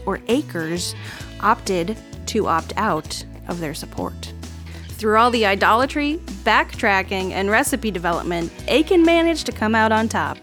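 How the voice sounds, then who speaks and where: A woman podcast host reading an absurd made-up biography in a straight, deadpan delivery. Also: mid-range voice. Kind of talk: comic mock-biography reading.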